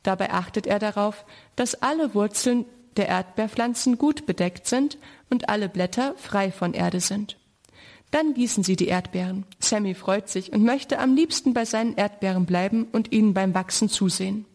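A woman's voice: mid-range voice, normal speed, darkish tone. Woman reading a children's story. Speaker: narrator.

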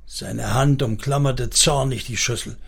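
A man narrating a story in a measured, somber manner. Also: medium pitch, creaky, slightly rough. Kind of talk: storybook reading.

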